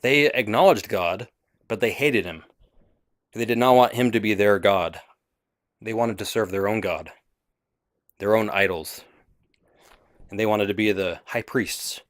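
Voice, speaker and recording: A man hosting a podcast, delivering an emphatic, declamatory political commentary monologue with dramatic pauses. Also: fairly low pitch, no echo. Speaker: podcast host.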